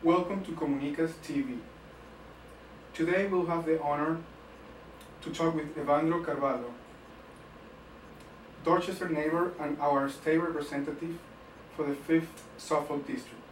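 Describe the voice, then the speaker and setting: Casting note: fairly high-voiced male host, earnest, echoey distant mic. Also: steady tone, moderate pace, slight background noise. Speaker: interview host, editor. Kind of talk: scripted opening then interview questions.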